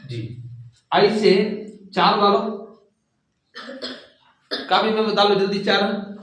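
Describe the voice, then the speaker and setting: A man's voice: high voice, steady tone, slow, fairly bright tone. A man teaching a Quran class, patiently drilling students and having them repeat each sound after him. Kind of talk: live online Quran lesson. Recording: echoey room, far from the mic.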